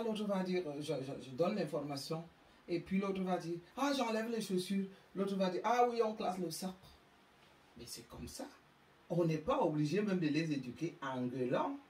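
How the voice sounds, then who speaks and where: An African woman gives an impassioned, scolding monologue to an audience about parenting, her low voice emphatic and frequently tripping over repeated words. The room is echoey and roomy, and she stands well away from the microphone.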